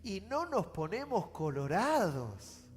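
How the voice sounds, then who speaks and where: A pastor with a Rioplatense Spanish accent preaching a sermon, swinging from loud outbursts to hushed, slow pleading. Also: male voice, sits high, big pitch swings. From Argentina. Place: church sanctuary. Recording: church hall reverb with music.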